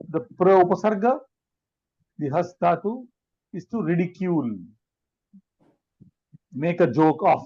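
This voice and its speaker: Man, high voice, patient grammar teacher, dull lo-fi call audio, keeps checking in with students. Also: darkish tone. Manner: explanatory, checks in with a constant "right?", chuckles often. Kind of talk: online grammar class explanation.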